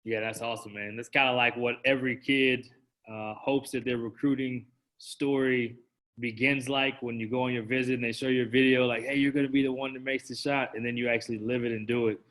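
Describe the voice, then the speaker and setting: A man's voice: mid-range voice, level tone, a little fast, fairly bright tone, poor audio. A man hosting a casual coaching interview, chatty and asking several questions in a row.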